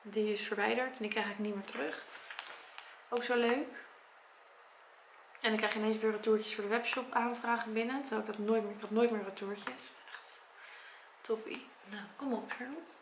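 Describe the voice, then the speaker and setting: Tearful, gravelly Dutch woman vlogging. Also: on the high side, fairly even intonation, moderate pace, long pauses, reverberant, noisy background. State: tearful, congested from crying. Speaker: vlogger and primary school teacher. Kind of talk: personal vlog talk to camera. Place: at her parents' home, indoors. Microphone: camera mic.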